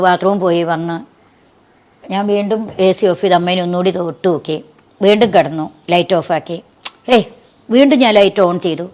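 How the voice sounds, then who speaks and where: Tender woman recounting a loss. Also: fairly low pitch. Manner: earnest and tender, voice sinking soft at sad moments. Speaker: interviewee. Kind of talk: personal storytelling in an interview.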